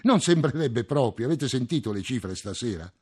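A man reading an audiobook, voicing an anxious, touchy middle-aged man who flares into shrill outbursts. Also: animated, moderate pace, darkish tone, slightly rough. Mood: defensive.

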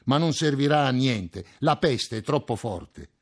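A man reading an audiobook, voicing an anxious, touchy middle-aged man who flares into shrill outbursts. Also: lively intonation, a little slow. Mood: defensive.

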